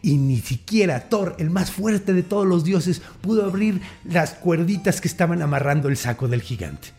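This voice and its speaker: A man with a Mexican accent, hosting a podcast and retelling a myth in a chatty, gossipy, animated way. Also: sits high, moderate pace, soft background music. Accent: Mexican Spanish. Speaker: storyteller host. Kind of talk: casual storytelling podcast.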